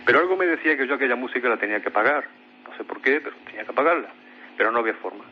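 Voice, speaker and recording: A man's voice: mid-range voice, expressive, racing. Earnest man from recounting his tale. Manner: earnest, vivid, mimics sounds aloud. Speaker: radio listener telling his experience. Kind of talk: personal storytelling. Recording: muffled radio broadcast with faint hiss.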